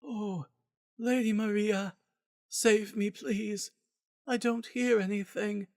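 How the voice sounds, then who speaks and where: A desperate, deranged patient pleads in a raised, high voice. The delivery is plaintive and theatrical, as in a dramatic storybook reading, recorded dry and close to silence of any room. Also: male voice, steady tone, slow, darkish tone, dry recording. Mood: despairing pleading. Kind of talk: dramatic reading of fan fiction.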